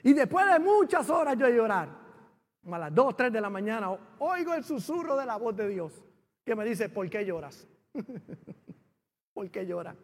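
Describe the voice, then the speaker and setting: Pastor de voz muy aguda en iglesia resonante. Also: male voice, extremely high pitch, very animated, a little fast. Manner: emotive storytelling, swings from loud exclamations to hushed lines. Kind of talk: sermon. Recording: reverberant church hall.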